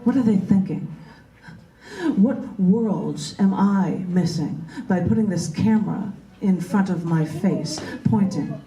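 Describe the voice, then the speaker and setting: Slow and dark in tone, a woman's medium-pitched voice carries through an echoey room as she reads her poetry and chats casually. The distant microphone captures her at an indoor open mic in a large bookstore.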